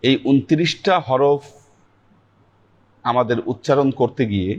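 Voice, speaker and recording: A male teacher leads a classroom lesson, taking his time as he walks through each Arabic letter and stretches the sounds out for his students. His voice sits at an ordinary middle pitch. The livestream audio comes across a little dull. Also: darkish tone. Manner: slow, patient and instructive, drawing out letter sounds. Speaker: Sufi teacher leading a weekly class.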